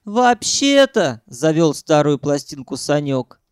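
A male audiobook narrator with a fairly high, gravelly voice, reading dramatically. The sound is close and dry, with no room echo. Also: measured pace, a little mellow. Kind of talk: expressive story narration.

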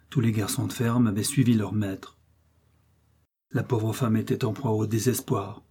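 A man giving a measured, scripted reading of a nineteenth-century short story. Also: on the low side, dark tone, husky. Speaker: audiobook reader.

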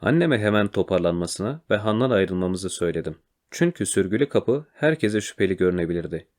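A man reads a children's adventure story aloud in a quiet, measured way. His voice is very low and deep, and the telling stays calm and steady. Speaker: narrator. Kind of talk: storybook reading.

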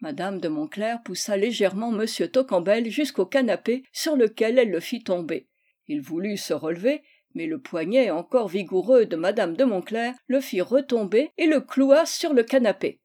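A woman narrates a classic children's story in a steady, even reading manner. Her voice sits in a middle pitch. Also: moderate pace. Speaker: audiobook reader.

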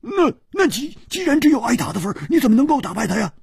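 A man's voice: low-pitched, lively intonation, measured pace, a little mellow, breathy edge, no room sound, clean studio sound, pitched below the performer's own voice, exaggerated voice. A man voicing a brash, blunt swordsman who blusters and exclaims. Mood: incredulous. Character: brash rough male swordsman, blunt and loud.

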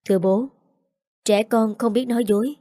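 A woman reading the part of a caring young stepmother, gentle with a child and firm with adults. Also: on the high side, steady tone, moderate pace, dry recording, clean studio sound, close to an everyday voice.

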